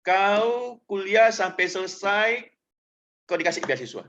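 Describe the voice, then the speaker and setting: A man's voice: sits high, expressive, a little slow, dull audio, slight background noise, voice pushed up. A man playing a blunt, chummy old dean. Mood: teasing. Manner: loud, bossy, chummy. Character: older male university dean, blunt, familiar, teasing.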